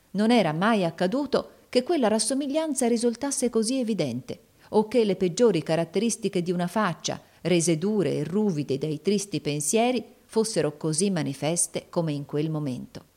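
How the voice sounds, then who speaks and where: A woman reading a classic novel aloud in measured narration. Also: medium pitch, mellow. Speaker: audiobook narrator.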